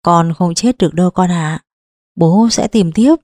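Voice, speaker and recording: A woman's voice: on the low side, unhurried, darkish tone, no room sound, studio quality, close to an everyday voice. A woman voicing an anguished loving father. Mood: tender pleading. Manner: pleading, tender. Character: anguished loving father, middle-aged man.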